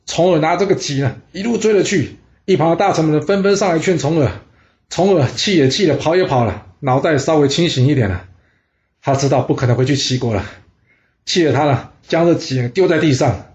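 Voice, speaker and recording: Lively male storyteller, lo-fi. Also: a little high, a little fast. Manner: lively, conversational, with rhetorical asides. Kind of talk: historical storytelling.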